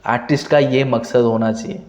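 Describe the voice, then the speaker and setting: A man's voice: mid-range voice, steady tone, normal speed, a little mellow. A young man hosting a hip hop reaction channel, giving opinionated commentary and stressing his points by asking "right?" again and again. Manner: emphatic, repeats "ठीक है?" to drive points. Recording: echoey room, long reverb, dull lo-fi sound.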